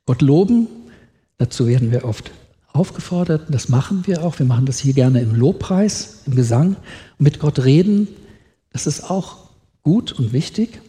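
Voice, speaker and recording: In a church hall full of long reverb, a middle-aged man delivers a sermon at a moderate pace. His mellow voice sits on the high side and is animated as he reads scripture with building feeling and questions the congregation.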